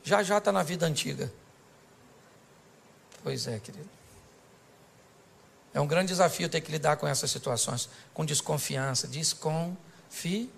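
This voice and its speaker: A man's voice: a little high, steady tone, a little fast, gravelly, few pauses, fairly bright tone, a little hiss or hum. A man preaching an extroverted, joking sermon to a church congregation. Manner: extroverted, joking, acts out voices. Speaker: pastor. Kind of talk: humorous sermon.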